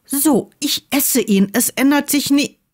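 A proud young wizard with a raised, strained voice, pitched well above the reader's own and colored differently from it, as a woman reads him aloud. He is heated and incredulous and keeps raising his voice. It sounds like a character in a read-aloud storybook. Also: unhurried. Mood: irritated. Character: agitated, proud young male wizard student.

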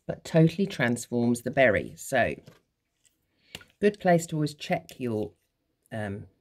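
A makeup artist and beauty coach gives a casual tutorial at home, chatting informally while she demonstrates each step. Her voice is very deep and a little mellow, slow-paced, with big swings in pitch.

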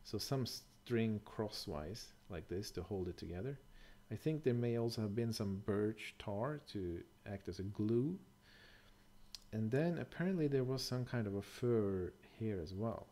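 A man's voice: fairly low pitch, expressive, a little slow, dark tone. A middle-aged man giving a casual, explanatory voice-over, thoughtful and a little hesitant, with fillers and self-corrections. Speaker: bushcraft presenter.

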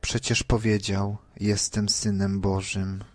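A man reading the taunts of a scornful crowd, loud and jeering. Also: fairly low pitch, completely flat delivery, slow, dry recording. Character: mocking crowd of men, scornful.

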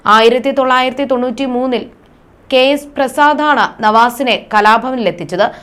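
High-voiced woman reading entertainment news. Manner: formal and even-paced reading. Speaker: news presenter. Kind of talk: scripted news narration.

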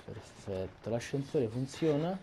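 A man's voice: medium pitch, lively intonation, a little slow. A young man giving horror game commentary through a headset, jumpy and swearing at what he sees. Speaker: gaming YouTuber. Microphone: headset earphones. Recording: audible background noise.

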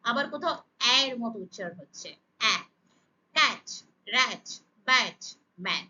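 A woman teaches pronunciation in a high, bright voice. She spells out sounds one at a time, slow and emphatic. The recording is slightly muffled and lo-fi. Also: expressive. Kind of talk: slow, deliberate pronunciation lesson.

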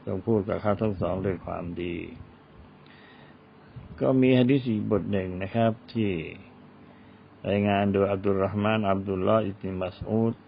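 A man's voice: steady tone, normal speed, vocal fry, pauses often, slight background noise. A man giving an Islamic religious lecture, reciting Arabic verses and explaining them. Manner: recites Arabic verses then explains in Thai, acts out quoted speech. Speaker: Islamic teacher. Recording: tinny phone-like low-fi recording.

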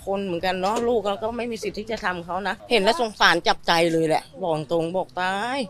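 A middle-aged woman who saw the events, telling a reporter in a fast, agitated way. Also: mid-range voice, a bit bright. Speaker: eyewitness neighbor. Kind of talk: news interview testimony.

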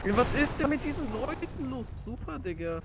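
Indignant high-voiced man in voice chat. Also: big pitch swings, moderate pace, heavy background noise. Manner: indignant, complaining. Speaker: player playing a taxi driver in role-play. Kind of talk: in-game voice chat.

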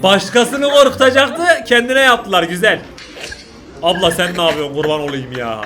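Young turkish guy yelling n laughing at prank clips, high bright voice, music low behind. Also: normal speed. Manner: excitable, exclaiming, laughing and shouting at the clips. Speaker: YouTuber reacting to prank videos. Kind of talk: casual reaction commentary.

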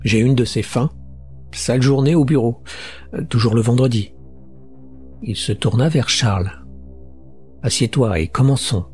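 Man doing a placid office-worker father, curt, menacing underneath, gruff, storybook voice. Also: medium pitch, measured pace, long pauses, darkish tone, soft background music, close to an everyday voice. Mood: weary.

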